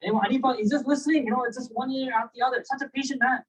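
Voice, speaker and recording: Fast-talking husky man telling stories. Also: very high voice. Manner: animated, conversational, asks listeners "right?" and "you know?". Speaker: Islamic lecturer. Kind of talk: casual religious storytelling lecture. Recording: distant mic, poor sound quality.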